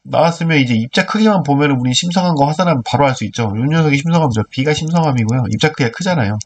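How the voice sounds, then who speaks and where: A man with a nasal, stuffy-nosed voice teaching a video lesson, explaining problems step by step in an informal way with rhetorical questions. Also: medium pitch. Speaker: earth science teacher.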